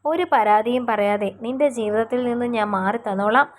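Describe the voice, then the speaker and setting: A woman voicing a tender young man in love, speaking softly and gently with a light teasing edge. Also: fairly high pitch, normal speed, slight background noise, close to an everyday voice.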